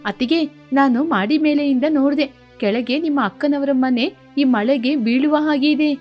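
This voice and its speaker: A woman's voice: sits high, moderate pace, faint music behind, lightly acted. Revathi, a woman voicing a kind young girl. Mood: concerned. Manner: gentle, pleading. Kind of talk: cartoon story voice acting.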